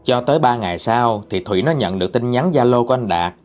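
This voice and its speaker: A man's voice: medium pitch, expressive, fast talker, darkish tone, faint music behind. A man with a Southern Vietnamese accent narrating a ghost story in a casual, chatty way, talking straight to his listeners. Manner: chatty, addresses listeners directly.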